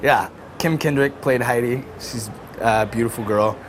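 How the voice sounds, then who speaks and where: A man's voice: mid-range voice, unhurried. Actor guy being interviewed, laid back, lots of ums, noisy background. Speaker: lead actor. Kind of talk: behind-the-scenes interview.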